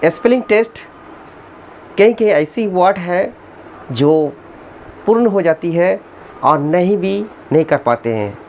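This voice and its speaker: A woman's voice: lowish voice, expressive, darkish tone, slight background noise. Woman teaching spelling letter by letter. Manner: spells words letter by letter slowly; urges viewers to subscribe. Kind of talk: spelling lesson in Hindi.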